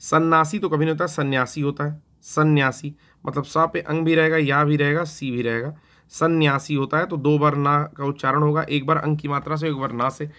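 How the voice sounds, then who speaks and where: A man's voice: fairly high pitch, fairly even intonation, normal speed, pushed and bright. Chatty man teaching spelling. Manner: conversational, repeats "theek hai na" often; talks to himself while writing on a board. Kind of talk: exam-prep lesson on Hindi spelling.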